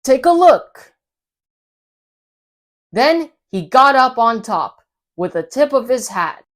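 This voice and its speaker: A woman reading a storybook aloud to children in an animated storytelling style. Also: fairly high pitch, unhurried.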